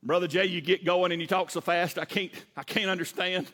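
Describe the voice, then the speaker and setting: A man in his late fifties with a Southern US accent, a pastor preaching a sermon fast and animated, asking the congregation questions. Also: high-pitched, in a large hall. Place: church sanctuary.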